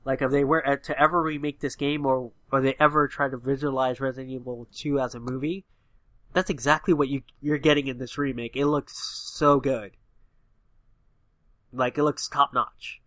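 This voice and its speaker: A man co-hosting a podcast chats casually about video games, rambling enthusiastically with lots of fillers. A stuffy nose makes his voice slightly nasal. It's medium in pitch with a steady, fairly bright tone at normal speed, and there's no room sound.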